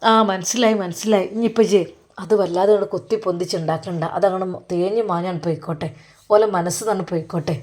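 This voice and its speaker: A woman voicing a gentle elderly father, talking in a calm, reassuring way. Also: on the low side, fast talker, voice pushed down, close to an everyday voice. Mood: soothing.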